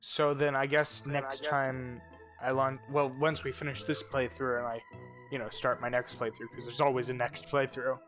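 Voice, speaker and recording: A man's voice: medium pitch, flat delivery, moderate pace. Chatty man playing a game, music behind. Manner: chatty, laid-back, thinking aloud. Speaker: co-host of a game playthrough. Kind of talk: casual let's play chat.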